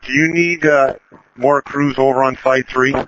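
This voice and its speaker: A man's voice: medium pitch, fairly even intonation, normal speed. A man working as a fire control officer, making urgent, procedural firefighter radio calls in clipped phrases over a two-way radio. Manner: procedural, clipped call-and-response. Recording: muffled radio with faint noise, clicks.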